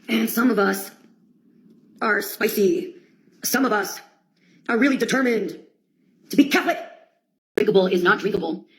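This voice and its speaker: Her voice runs on the high side and a little bright as she performs a rambling comic monologue, theatrical, slangy and sweary, with quoted outbursts, on a rough recording.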